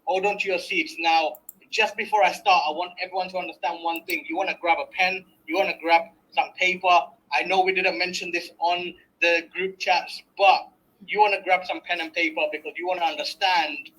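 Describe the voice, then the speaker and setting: A man's voice: high voice, sharp tone, slightly rough, poor audio. A man hosting an online webinar, energetically hyping up the audience before introducing a guest. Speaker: webinar host. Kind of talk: hype introduction.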